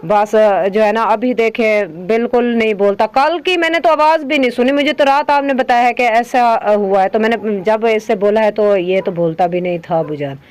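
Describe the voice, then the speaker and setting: A woman's voice: a little high, moderate pace, few pauses, low-quality recording. A woman vlogging at her village home, talking in a soothing, pleading way and speaking to viewers with heartfelt emotion, recorded on a handheld camera. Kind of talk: casual vlog talk to camera.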